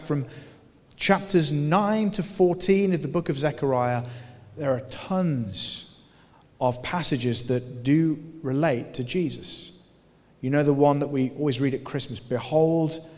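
Man preaching, earnest and emphatic, slightly high voice, big echoey hall. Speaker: pastor. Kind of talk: sermon. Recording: long hall reverb.

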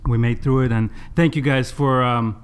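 A man hosts a casual sports podcast in a chatty, informal way. His voice sits at a medium pitch, and he talks with braces, which slightly gets in the way of his speech. He often addresses the listeners directly. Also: fairly even intonation, moderate pace, clean tone. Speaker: podcast host.

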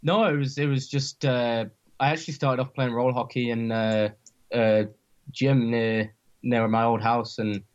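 A man's voice: medium pitch, level tone, a little slow, lo-fi sound. A man from Surrey in England with a Home Counties accent, speaking modestly and a little hesitantly as a hockey player being interviewed. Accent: Home Counties English. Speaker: interview guest, professional ice hockey player. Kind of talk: casual interview.

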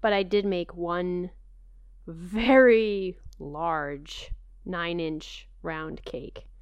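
A woman with a smooth, clear voice, recorded close and dry. She chats casually as a podcast co-host, with an animated, conversational manner. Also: fairly low pitch, extremely slow, dry recording. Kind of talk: casual chat.

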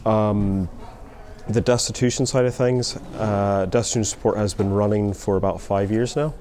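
A man's voice: lowish voice, steady tone, moderate pace, warm tone, slight background noise. A man explains things informally as an interviewee, in a hesitant, thoughtful manner. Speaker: community support project worker.

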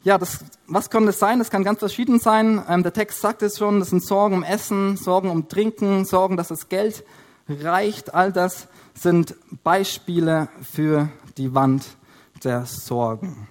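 A man with a notably high-pitched voice preaching in a teaching style. He explains one point after another, often stopping with hesitation sounds while he writes and draws. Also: unhurried. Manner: explanatory, with frequent hesitation fillers. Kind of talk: Bible teaching while drawing on a board.

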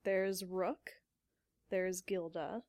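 Giggly, soft-spoken woman chatting. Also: fairly low pitch, level tone, very slow, no room sound, clean studio sound. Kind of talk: casual chat.

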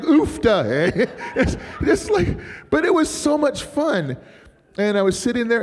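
A middle-aged man, a pastor, telling stories in a rambling, chatty sermon and laughing often. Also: high-pitched. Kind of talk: informal sermon storytelling. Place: church. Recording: reverberant church hall.

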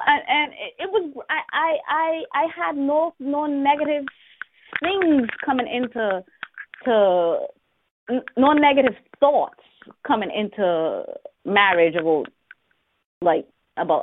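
A woman from the Bahamas, an author talking candidly in an interview, animated and laughing often, with many restarts. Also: high-pitched, unhurried, slight background noise. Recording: tinny phone-line sound.

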